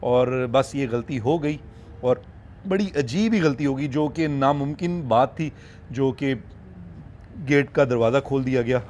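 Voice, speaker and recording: A man of middle pitch talks outdoors at his animal farm. He soothes and coaxes the animals gently and speaks sorrowfully to his viewers, with faint noise behind him. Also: unhurried, muffled recording. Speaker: wildlife farm owner and vlogger. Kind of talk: casual vlog talk to camera.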